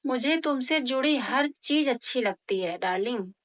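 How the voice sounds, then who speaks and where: A woman voicing a grumpy but flirtatious husband who talks gruffly. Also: high-pitched, animated, moderate pace, a bit bright.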